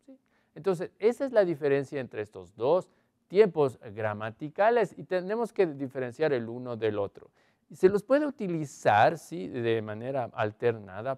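A man teaching an online English grammar lesson, explaining in Spanish and reading English examples slowly while asking his students questions. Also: fairly high pitch, dark tone, dry recording. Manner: asks students questions often.

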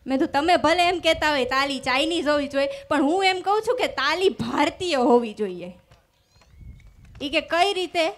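High-voiced woman doing stand-up comedy. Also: a bit bright. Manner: storytelling with acted-out dialogue and punchlines. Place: stage before a live audience. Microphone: stage microphone.

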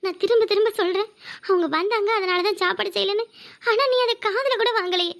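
A very high, quick cartoon wife, voiced by a woman, in a Tirunelveli Tamil accent. She is young, wounded and reproachful, pleading with her husband and turning defiant. Her lines come in fast, squeaky bursts. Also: fairly bright tone. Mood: hurt. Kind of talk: cartoon voice acting.

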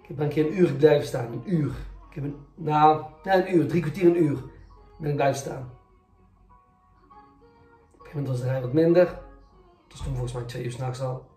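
Male journalist, candid first-person storyteller; dark mellow tone, echoey room. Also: fairly high pitch, brisk, long pauses. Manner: candid, reflective retelling, acting out both sides of arguments. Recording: roomy echo, faint music.

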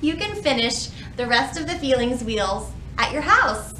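Her voice high and her pace measured, a woman in her thirties leads children's storytime in a library, speaking animatedly right to the young listeners. The audio is poor, with a little hiss or hum.

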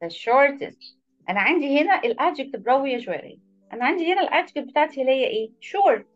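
A woman's voice: high-pitched, expressive, very fast, dull audio, faint music behind. A woman with an Egyptian Arabic accent teaching an English class online, patiently explaining and praising each pupil by name. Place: online video lesson.

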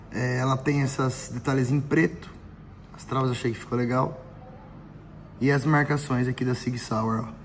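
A middle-aged man who reviews products for an airsoft shop speaks with a Brazilian accent in a creaky, mid-range voice that comes across thin, cracked and reedy. His informal demo is explanatory and full of tag questions. It was recorded in the indoor shop and small range room, with roomy echo and faint noise in the background.

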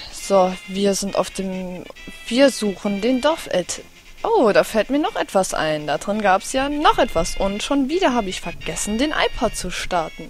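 Playful woman doing game commentary. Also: medium pitch. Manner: playful and excitable, sings and puts on voices. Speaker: let's player. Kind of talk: casual gameplay commentary.

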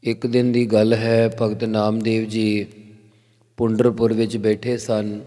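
A man giving a slow devotional exposition of scripture, intoning verse lines and then explaining them. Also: lowish voice, dark tone. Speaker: Sikh scripture expounder. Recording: long reverb.

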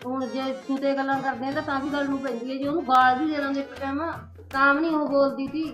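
A woman plays a worried member of a village family who keeps asking what to do. Her voice is high and flat and she talks quickly, with faint music behind. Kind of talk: Punjabi short film acting.

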